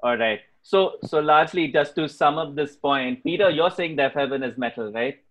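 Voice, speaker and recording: A man's voice: a little high, moderate pace, fairly bright tone. A man casually moderating a podcast conversation as its host.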